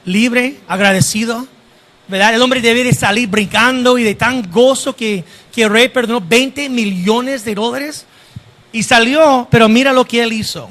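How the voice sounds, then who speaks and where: A pastor preaching a sermon and often asking the congregation direct questions. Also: male voice, very high-pitched, unhurried, fairly bright tone.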